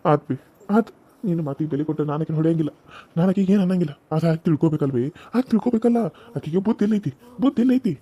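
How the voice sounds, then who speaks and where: A man's voice: on the high side, racing, dark tone, highs cut off, natural voice. Man voicing a hot-tempered village husband. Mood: grumbling. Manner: scolding, gruff.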